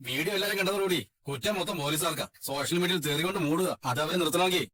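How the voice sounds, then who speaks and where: A brusque, bullying cop played by a man fires off questions at breakneck speed. His bright, forceful voice sits a little high. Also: racing. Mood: interrogating. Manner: bullying, interrogating. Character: brusque young police officer, accusing. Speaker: police officer.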